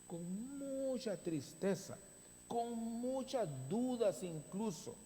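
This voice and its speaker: A man preaching a sermon as pastor, stressing words with long dramatic pauses, recorded in a church sanctuary. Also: a little high, warm tone. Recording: reverberant hall, faint hum.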